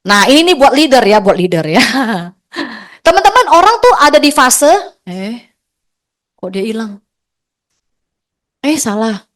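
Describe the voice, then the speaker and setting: A middle-aged woman, giving a lively, chatty motivational stage talk as an agency leader, teasing her audience. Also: fairly high pitch, a little slow, pauses often.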